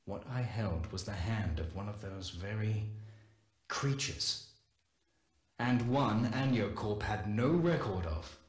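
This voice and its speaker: A low-voiced male scientist recounts his journal entries in a measured, solemn way. The delivery is steady and sober, like a recorded game log, and the voice rings out in a roomy space. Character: Corpus scientist recounting a wild animal. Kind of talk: scripted game audio-log narration.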